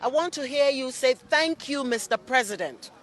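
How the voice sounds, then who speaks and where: Female official, call-and-response leader, very high voice. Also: expressive, normal speed, dry recording. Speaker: official addressing migrants.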